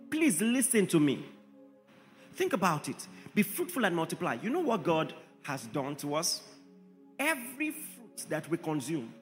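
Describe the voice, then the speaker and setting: A man delivers an emphatic sermon in a high, lively voice that swoops as he presses his points. He keeps turning to the congregation with rhetorical questions. His voice rings with a long hall reverb over faint music. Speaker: preacher.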